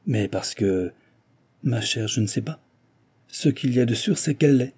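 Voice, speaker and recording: A man's voice: medium pitch, lively intonation, moderate pace, a little mellow, husky. A man voicing a frivolous, petulant society wife who defends her spending peevishly. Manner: peevish, self-justifying.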